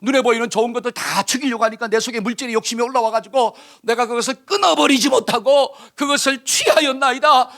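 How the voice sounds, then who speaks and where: A man's voice: extremely high pitch, fast, few pauses, a bit bright, voice pushed up. A man voicing a contrite male king who pleads and apologizes for his wrongs. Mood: pleading.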